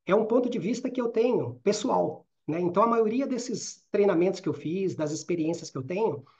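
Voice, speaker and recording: A middle-aged man from Brazil with a Minas Gerais accent, giving a live online training talk. He talks fast and keeps tagging his sentences with quick checks to the audience. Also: high-pitched, expressive, darkish tone. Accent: Minas Gerais Portuguese. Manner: talks fast, with frequent "né?" and "certo?" tags. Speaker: career and networking trainer. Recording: slightly dull lo-fi audio.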